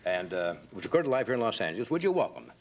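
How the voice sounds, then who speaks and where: A man's voice: fairly low pitch, racing. A man hosting a late-night talk show, chatting in a dry, teasing manner before a studio audience. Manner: dry, wry and teasing with lively intonation. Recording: noisy old TV broadcast with clicks.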